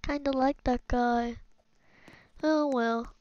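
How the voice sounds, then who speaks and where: A woman's voice: sits high, steady tone, slow pace, a little mellow, dry recording, dull audio. A woman doing chatty, easily startled let's-play commentary, often jumping at things. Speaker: gaming video creator.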